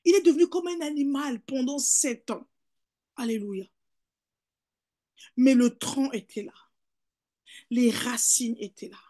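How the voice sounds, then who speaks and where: With a French accent and a high voice, the woman pastor gives an impassioned sermon at a measured pace, broken by long pauses. She returns again and again to "hallelujah" and "beloved," alternating emphatic peaks with soft asides.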